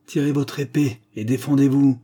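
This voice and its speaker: Guy reading as a lovesick young poet, all worked up, mellow husky tone, storybook. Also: medium pitch, fairly even intonation, moderate pace, voice pushed up, natural voice. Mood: impassioned. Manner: exalted, pleading. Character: young male poet, passionate and desperate.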